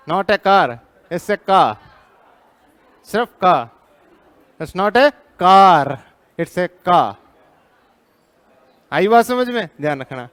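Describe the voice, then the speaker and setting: A man's voice: high-pitched, a bit bright. An Indian man teaching a live class, drilling students with repeated questions, firm and teasing.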